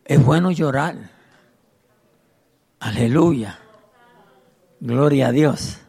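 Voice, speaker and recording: A man's voice: mid-range voice, drawn-out words, vocal fry, dark tone, slightly rough. A middle-aged man preaching a fervent sermon as pastor, reading scripture aloud and calling out praise to his congregation. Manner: reads scripture aloud and addresses the congregation directly.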